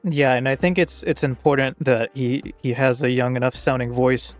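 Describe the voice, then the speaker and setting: A man co-hosts a podcast in a plain mid-range voice. He explains his point earnestly and agreeably, in relaxed conversation. Faint music plays underneath. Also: medium pitch, normal speed. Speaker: podcast co-host. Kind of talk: casual podcast chat.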